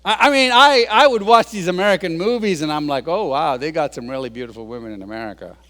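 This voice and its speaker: A man in his sixties, appearing as a guest speaker, gives a humorous public talk, telling stories to a crowd with a joking, self-deprecating touch. His voice is high for a man, expressive, fast, bright and forceful, ringing out with the long reverb of a large hall.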